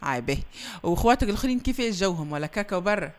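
A woman's voice: mid-range voice, lively intonation, racing. Tunisian woman radio host; rattles along at top speed, playful and teasing with callers. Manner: chatty, teasing, laughs often. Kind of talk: casual chat with a young caller on air.

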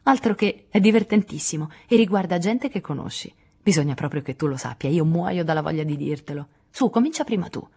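Donna che legge un ragazzo allegro e scherzoso. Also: female voice, sits low, lively intonation, brisk, hardly any pauses, mellow, slightly rough, heavily acted. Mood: playful. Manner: playful, coaxing. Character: teasing cheerful teenage boy.

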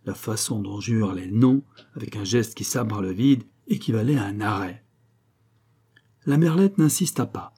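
A man reading a classic story aloud in a lively, expressive narration. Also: fairly low pitch, moderate pace, husky. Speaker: audiobook reader. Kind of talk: scripted literary narration.

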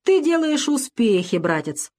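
A woman's voice: mid-range voice, expressive, moderate pace, a little mellow, close to an everyday voice. A woman voicing a contemptuous man in an audiobook, sneering and mocking his brother-in-law.

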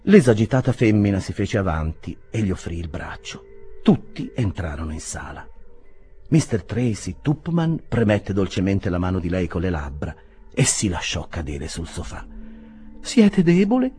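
A man reading a classic novel aloud as an audiobook, with expressive storytelling. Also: deep voice, moderate pace. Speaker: audiobook reader. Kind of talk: audiobook narration.

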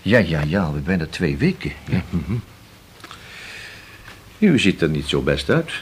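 An actor playing a shrewd police inspector who questions slowly and keeps humming to himself. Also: male voice, sits low, sing-song, a little hiss or hum. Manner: slow, probing, drawn-out with many hums. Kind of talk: radio drama acting.

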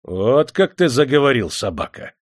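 A man's voice: deep voice, steady tone, moderate pace, darkish tone, dry recording, studio quality, lightly acted. A man voicing a stern, angry army major who barks out orders. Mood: furious.

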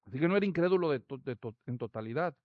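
A man preaching a sermon, expressive and rising to loud, emphatic quotes. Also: on the high side, racing, dry recording, narrow, tinny audio.

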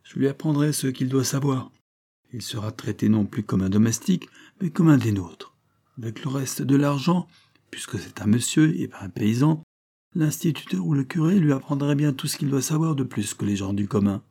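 A man's voice: medium pitch, expressive, normal speed, warm tone, pitched above the performer's own voice. A man reading an audiobook, voicing a shrewd, sly older farmer who talks bluntly and teasingly in a raised voice.

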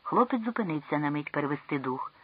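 A reader telling a classic tale with tense, dramatic pacing, in a husky, breathy voice of middle pitch. The recording is dry and close, with a slightly dull, lo-fi tone. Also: animated, fast talker, no room sound. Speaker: audiobook reader. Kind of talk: literary narration of a classic story.

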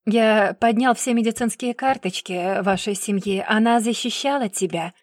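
A woman voicing a cold, relentless male investigator who presses his case with a calm, lazy drawl, in a Russian audiobook. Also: a little high, moderate pace, dry recording, studio quality, close to an everyday voice. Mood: cold, pressing.

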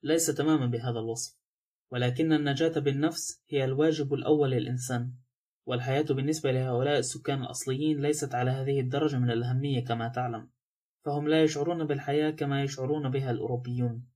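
A cynical adventurer talks with dry mockery and no remorse, voiced by a man reading an audiobook. His words come quickly and flatly. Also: medium pitch, natural voice. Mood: sardonic. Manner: dry, sardonic. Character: cynical, mocking male adventurer.

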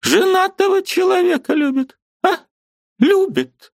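A man voicing a sharp-tongued, agitated old woman who scolds her niece sarcastically. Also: extremely high pitch, very animated, measured pace, gravelly, no echo, studio quality, voice pushed up, full character voice. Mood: scolding. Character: sharp-tongued old aunt, gruff yet loving woman.

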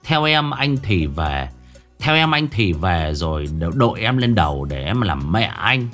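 A playful man nearing sixty, voiced by a man croons a cheeky wedding song. It is sing-song and a touch slow, the narrator barely shifting from his own voice. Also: deep voice, big pitch swings, fairly bright tone, faint music behind, heavily acted. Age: 50s.

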